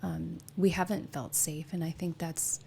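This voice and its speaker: Calm, fairly low woman, faint room noise. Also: a little slow, creaky. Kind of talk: casual group discussion.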